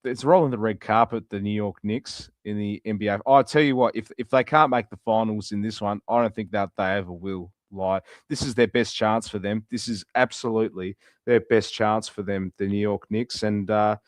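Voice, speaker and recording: A man's voice: lowish voice, fairly even intonation, normal speed, hardly any pauses, no echo, clean studio sound. A man in his twenties co-hosting a sports podcast, blunt and opinionated, swearing freely. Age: 20s. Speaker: co-host. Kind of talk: casual sports podcast talk.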